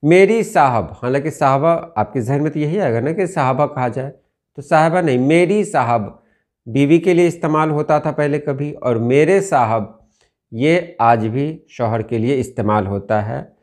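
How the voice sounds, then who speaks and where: Slow, deliberate teacher, a man. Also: medium pitch, a little mellow. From India. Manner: slow, deliberate, repeats key words. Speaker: Urdu language teacher. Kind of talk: explaining word meanings from dictionaries.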